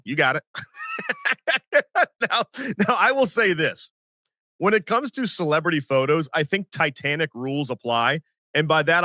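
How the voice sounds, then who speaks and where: Bright-voiced man in his forties telling stories. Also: a little high, dry recording, studio quality. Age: 40s. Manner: animated, self-mocking storyteller who acts out quotes. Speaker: podcast host. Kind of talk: casual sports podcast storytelling.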